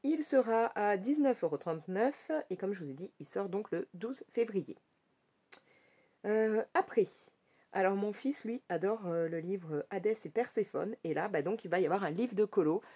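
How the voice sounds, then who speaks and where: Casual woman vlogger, mid-pitched, rambling and friendly, stops and restarts as she goes. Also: lively intonation, moderate pace, dark tone, slightly rough. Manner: chatty, many fillers and self-corrections. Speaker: coloring vlogger. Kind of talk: casual chat about upcoming coloring books.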